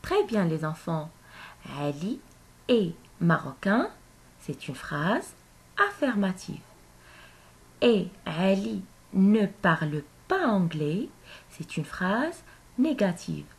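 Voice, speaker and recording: A woman teaching a grammar lesson to young children, speaking slowly and clearly and repeating phrases for them to say back. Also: mid-range voice, sing-song.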